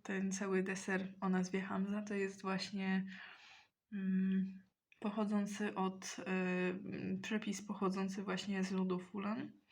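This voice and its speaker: A woman talking casually in a mukbang while eating, hesitant and often pausing mid-sentence to think. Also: medium pitch, monotone, a little mellow. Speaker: mukbang vlogger.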